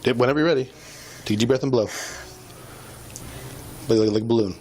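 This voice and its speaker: On bodycam audio buried under loud music, a middle-aged male police officer coaches someone through a breath test with short, repeated commands. His voice sits at medium pitch, his pace is quick, and there's background noise.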